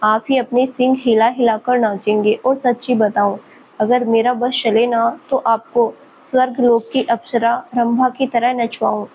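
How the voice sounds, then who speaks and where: A sulky, spirited young student girl with a bright, higher voice , as a storybook narrator does her. She pleads, pouts and bickers in a quick, pleading way. A faint hiss runs underneath. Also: little pitch movement, natural voice, rough recording. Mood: pouty. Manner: pleading, pouty.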